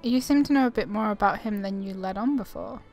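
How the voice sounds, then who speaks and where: A woman narrates her own game playthrough with casual commentary, reading dialogue choices aloud and laughing easily. Her voice is mid-range, brisk, and a little mellow, and music plays behind her.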